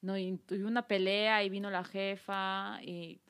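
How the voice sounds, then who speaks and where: A woman's voice: mid-range voice, unhurried, clear, resonant tone. A young woman from Guatemala, a podcast guest, casually telling a story and acting out the quoted dialogue. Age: young adult. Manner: animated, acts out quoted dialogue.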